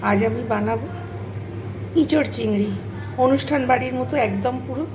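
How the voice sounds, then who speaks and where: A hoarse woman with a cold, hosting a cooking channel and explaining each ingredient and step as she cooks. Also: on the high side, moderate pace. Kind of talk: casual cooking demonstration. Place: home kitchen, cooking at the stove. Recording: noisy kitchen with frying sizzle.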